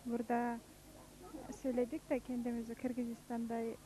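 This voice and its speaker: A young woman with a Kyrgyz accent speaks broken, halting Turkish in an interview. Her voice is high yet soft and mellow, with very little melody. She stumbles over longer words. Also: completely flat delivery. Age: young adult. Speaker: student interviewee. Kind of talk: informal on-camera interview.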